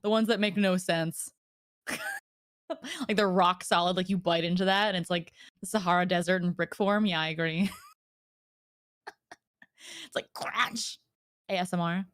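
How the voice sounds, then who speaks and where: A woman's voice: fairly low pitch, fairly even intonation, normal speed, no echo. Giggly young woman, dry close sound. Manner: giggly, playful mock-villain teasing. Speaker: guest streamer. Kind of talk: casual chat.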